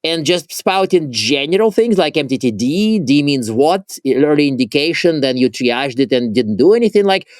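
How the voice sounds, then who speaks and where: Male co-host, slightly high and very expressive voice, dry close sound, chatty and self-interrupting. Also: no room sound. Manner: animated, self-interrupting, quick asides. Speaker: podcast co-host. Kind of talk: casual conversational chat.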